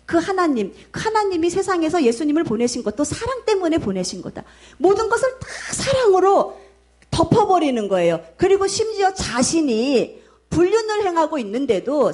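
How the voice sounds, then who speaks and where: A middle-aged woman pastor preaching a sermon, telling a story in an emphatic, animated way. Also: sits high.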